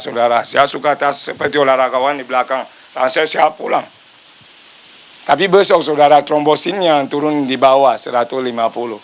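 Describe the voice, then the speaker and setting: A middle-aged man, a pastor, preaching a storytelling testimony sermon that swings between loud and soft while he addresses the congregation directly. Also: a little high.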